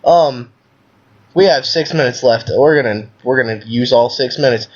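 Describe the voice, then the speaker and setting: A man hosting a casual online radio chat over a video call, rambling and animated as he asks questions. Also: medium pitch, normal speed. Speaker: host. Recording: lo-fi call audio.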